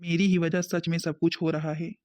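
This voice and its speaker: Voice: medium pitch, level tone, moderate pace, darkish tone, natural voice. A performer voicing a young husband in a cartoon, a drinker who turns remorseful, speaking earnestly. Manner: pleading, earnest. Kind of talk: Hindi cartoon voice acting. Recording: dull lo-fi sound.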